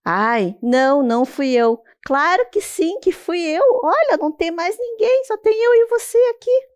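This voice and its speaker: A woman's voice: extremely high pitch, lively intonation, a little slow, pitched above the performer's own voice. A Brazilian woman voicing a mocking, talkative female turtle in a storybook tale, with a Brazilian Portuguese accent. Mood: teasing. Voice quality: teasing, mocking. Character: cheeky talking singing female turtle.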